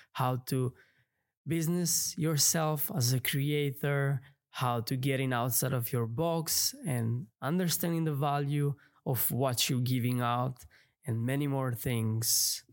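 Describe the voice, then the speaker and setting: A man hosting a podcast, upbeat and eager, with non-native grammar in his casual interview chat. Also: medium pitch. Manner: non-native phrasing, enthusiastic. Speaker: podcast host.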